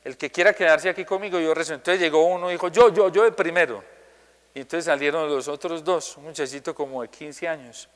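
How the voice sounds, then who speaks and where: A man's voice: fairly high pitch, fast, hardly any pauses, in a large hall. A male Colombian priest giving a homily, telling a personal story and acting out the people he quotes. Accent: Colombian Spanish. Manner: storytelling, quoting others in lively voices.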